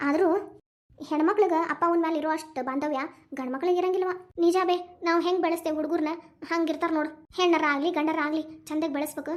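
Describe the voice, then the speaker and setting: A woman voicing village mothers in a homemade cartoon, talking with a North Karnataka Kannada accent. Their chatter is homely and consoling, pitched high and delivered quickly. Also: natural voice. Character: village mothers chatting about a married daughter. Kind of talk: amateur cartoon dubbing.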